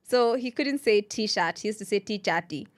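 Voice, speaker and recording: A woman's voice: mid-range voice, lively intonation, normal speed. A woman from Nairobi with a Kenyan accent, hosting a radio show and chatting casually, telling stories and acting out the people she quotes. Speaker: radio host.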